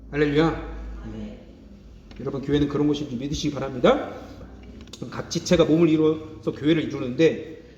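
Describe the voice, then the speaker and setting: A man's voice: fairly high pitch, dark tone. A male pastor preaching a sermon, stressing key phrases by saying them twice and calling out hallelujah. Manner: emphatic preaching, repeats key phrases, calls out hallelujah for responses. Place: church sanctuary. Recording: echoey hall, dull lo-fi sound.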